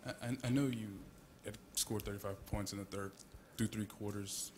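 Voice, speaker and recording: A man's voice: fairly low pitch, fairly even intonation, moderate pace, a little hiss or hum. A male sports reporter asking multi-part questions at a press conference.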